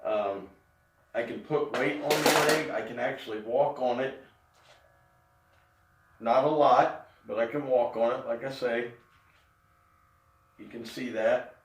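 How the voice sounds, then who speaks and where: A middle-aged man giving a casual spoken update, talking haltingly with pauses in mid-sentence. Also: mid-range voice. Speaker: vlogger giving a health update. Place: indoors in an echoey room. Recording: echoey room, distant mic.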